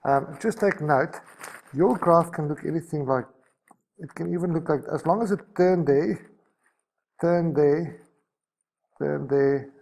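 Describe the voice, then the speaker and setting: A man's voice: a little high, a little slow, vocal fry, pauses often, darkish tone. A man teaching a maths lesson, talking through each step as he sketches a graph and correcting himself as he goes.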